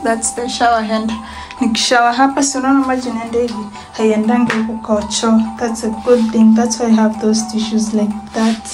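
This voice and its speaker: Holding her phone camera as she films, a young Kenyan woman chats her way through her small indoor bedsitter and bathroom, slipping in Swahili phrases. She speaks fairly quickly in a fairly high, level voice, with background music and low-quality sound.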